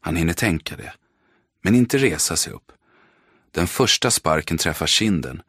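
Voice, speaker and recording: A man narrating an audiobook in measured, terse, dramatic sentences. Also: deep voice, lively intonation, fairly bright tone, breathy edge, no room sound, studio quality. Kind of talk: scripted narration.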